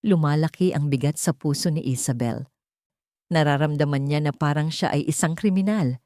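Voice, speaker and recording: An audiobook narrator with a Filipino accent reads a scripted dramatic story in a deep, mellow voice. The recording is dry with clean studio sound.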